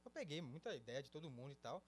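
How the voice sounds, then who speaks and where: Dude talking fast on a podcast, highish voice, chatty storytelling. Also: male voice. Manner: storytelling, lively recollection. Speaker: podcast co-host. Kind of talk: casual podcast chat.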